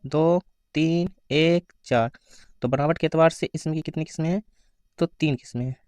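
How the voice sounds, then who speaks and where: A man giving an exam-prep grammar lesson, asking questions and answering them himself, reading out the answer options slowly. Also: on the high side, a little mellow, dry recording. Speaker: teacher.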